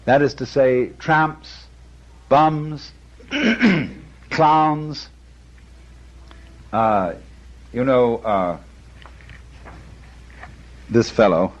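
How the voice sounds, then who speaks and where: A man's voice: mid-range voice, expressive, drawn-out words, pauses often. A man giving a musing lecture on art and philosophy, chuckling often and breaking off into asides. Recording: dull lo-fi lecture recording.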